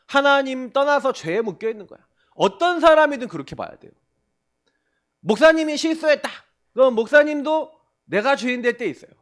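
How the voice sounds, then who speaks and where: Lively high-voiced male pastor. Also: a little fast. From South Korea. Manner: animated, asks the congregation questions and answers them himself. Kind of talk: sermon to youth.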